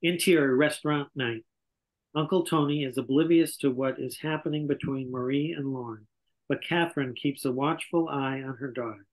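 Reading stage directions aloud as the narrator, an older man joins a table read by video call from an indoor room. His mid-range voice moves at normal speed, though the video call microphone leaves the recording low in quality.

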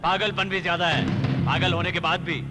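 Guy dubbing a cocky film hero, highish voice, taunting and bossy, music blasting under him. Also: fairly even intonation, normal speed, close to an everyday voice. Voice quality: mocking, commanding, theatrical. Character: bold swaggering male hero playing a double role. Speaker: dubbing actor for the film's hero. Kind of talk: Hindi film dub. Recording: dialogue over loud film score.

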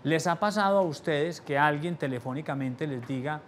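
A fairly high-voiced man giving a sales training lecture to a live audience, lively and expressive. He swings his volume, going quiet for the important points and lifting his voice again to pull the listeners along. Faint room noise sits behind him. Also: moderate pace. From Latin America. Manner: animated, shifts volume for emphasis, drops voice low on key points; rhetorical questions to the audience.

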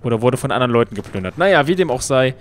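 Male Let's Play commentator, playful and chatty, mid-pitched voice. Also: racing. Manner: playful, excitable, talks to the game. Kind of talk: casual gameplay commentary.

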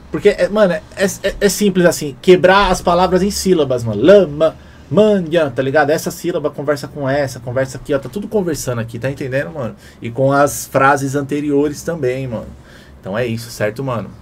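A man hosting a music reaction video, talking casually and excitedly in heavy slang. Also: medium pitch, a little hiss or hum. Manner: excited, slangy, keeps saying "mano". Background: hip hop track playing faintly.

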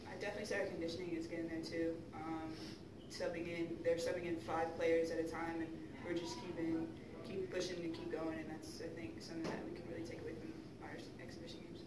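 A young woman college basketball player answers press questions in a soft, filler-dotted way. Her voice stays flat. She is heard from afar in an echoey room with hiss. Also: deep voice, quick pace. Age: young adult. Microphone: handheld mic heard from a far camera. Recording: distant, echoey, hissy.

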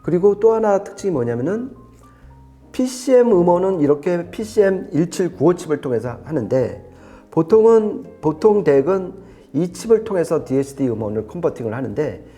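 An audio equipment reviewer explains specs in an unscripted, conversational, emphatic product review. His voice is a little high with big pitch swings, a moderate pace, and a dark tone, while faint music plays behind.

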